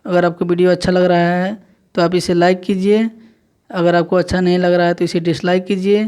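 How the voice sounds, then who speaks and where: A man teaching a classroom lesson in a flat, level tone with little rise and fall. His voice is smooth and clear as he patiently counts numbers aloud one by one. He repeats each step methodically for beginners. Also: high voice, brisk.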